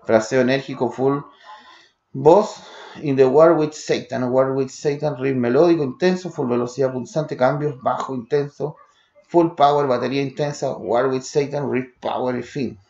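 A man's voice: mid-range voice, steady tone, moderate pace, darkish tone, echoey room, dull audio. A man from Chile reviewing old metal demos, calling out riffs and drums in short word lists. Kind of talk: spoken demo review over music.

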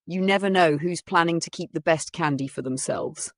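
Woman reading a grave pony detective, gravelly low. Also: normal speed, no room sound, clean studio sound, lightly acted. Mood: suspicious. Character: serious suspicious male pony detective.

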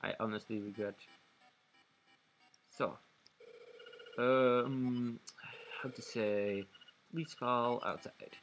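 A man narrating his game playthrough at an unhurried, drawn-out pace. He rambles, restarts his sentences and corrects himself. Soft background music plays faintly. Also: medium pitch, fairly even intonation. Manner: rambling, self-correcting, giggly asides. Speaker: let's play commentator. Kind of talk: casual game commentary.

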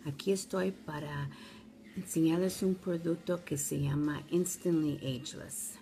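Slow, creaky middle-aged woman. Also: sits low, steady tone, dark tone. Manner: halting, simple step-by-step instruction. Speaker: product demonstrator. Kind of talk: casual product demo. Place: small room at home, indoors. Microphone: phone at arm's length. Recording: noisy handheld home phone recording.

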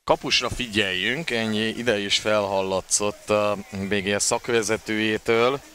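A man's voice: lowish voice, fairly bright tone. A man giving live water polo play-by-play commentary as a sports commentator. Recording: clear background noise of an outdoor venue.

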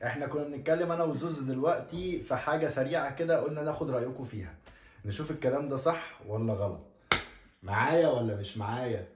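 A man's voice: medium pitch, background noise. A man in his thirties with an Egyptian Arabic accent, hosting a joking casual chat in a living room. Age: 30s. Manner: animated, joking, rapid. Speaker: channel host. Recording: roomy, from the mic.

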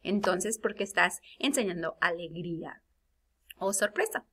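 A woman's voice: lowish voice, animated, a little slow, a bit bright, husky. A woman teacher talking students through a lesson and acting out example sentences with big, exclaimed readings. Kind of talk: recorded classroom lesson.

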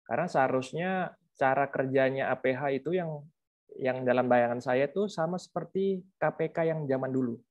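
A man's voice: mid-range voice, normal speed, lo-fi sound. A man, a researcher and author, explaining his views in a webinar discussion in a conversational way, with frequent fillers and rhetorical tags. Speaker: guest speaker, researcher and author. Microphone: video call microphone.

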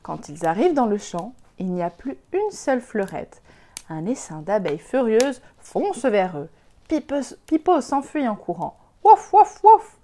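A woman reading a children's story aloud in a gentle, clear storytelling voice. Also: medium pitch, sing-song, unhurried.

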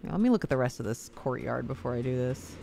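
A woman's voice: a bass voice, lively intonation, fast, vocal fry, warm tone, a little hiss or hum. A woman giving casual livestream commentary as she plays a game. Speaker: game streamer, voice actor.

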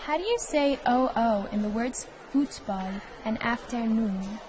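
Woman voicing an eager high-voiced student. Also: expressive, lightly acted. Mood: curious. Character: eager young female student in class. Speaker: student in a textbook dialogue. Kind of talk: scripted textbook audio dialogue. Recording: dull lo-fi audio with clear hiss.

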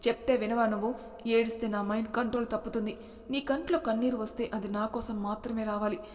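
A woman's voice: fairly high pitch, steady tone, quick pace, darkish tone, natural voice. Give me a woman doing a possessive, short-tempered young husband in a story, commanding and intense, with a long reverb tail. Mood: angry.

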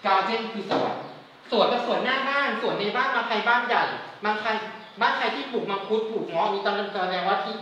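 A woman from Thailand teaching an English lesson, patiently explaining words and slowly spelling them out. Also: medium pitch, a bit bright, a little hiss or hum. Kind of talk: classroom lesson. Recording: echoey room, mic at a distance.

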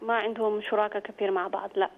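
Quick, halting woman calling in. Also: medium pitch, level tone, phone-quality sound. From Netherlands. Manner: halting, searching for words in broken Arabic. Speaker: phone-in caller. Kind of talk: casual recounting. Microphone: telephone.

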